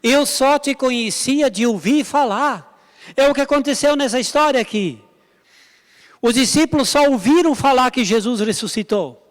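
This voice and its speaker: At a church service in a large hall, a male pastor with a high-sitting voice preaches emphatically. He repeats lines and appeals directly to the congregation.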